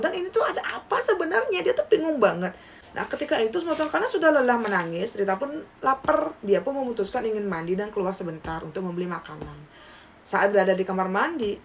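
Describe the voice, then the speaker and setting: A young woman telling a horror story in a casual, chatty way, speaking straight to her listeners and jumping up in pitch at dramatic moments. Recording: slightly distant mic with faint background noise.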